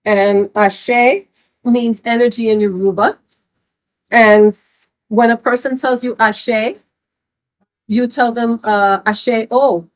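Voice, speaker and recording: A woman with a fairly high voice explains things earnestly and with emphasis. The recording is dry and close. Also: steady tone, slow pace, long pauses, no echo, poor audio. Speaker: interviewee. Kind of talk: street interview.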